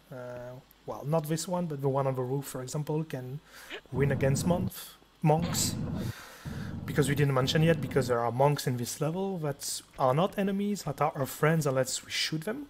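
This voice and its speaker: A man speedrunning a game, making short, relaxed remarks about it as he plays. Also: on the high side, moderate pace, background noise. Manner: brief, relaxed remarks while playing. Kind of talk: casual game commentary.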